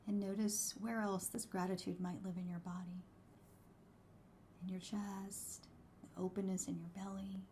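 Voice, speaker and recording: A woman guiding a meditation in a soft, hushed, soothing voice that slips close to a whisper, unhurried and gentle. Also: medium pitch, flat delivery, slight background noise. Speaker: host, wellbeing coach and meditation guide. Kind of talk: guided meditation.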